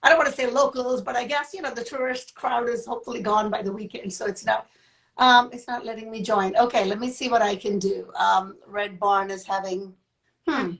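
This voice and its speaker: A woman's voice: a little high, fairly even intonation, brisk, creaky, a bit bright, poor audio. A woman co-hosting a casual live-streamed chat, talking in a chatty way with restarts and laughter. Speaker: co-host of a live talk show. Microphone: phone.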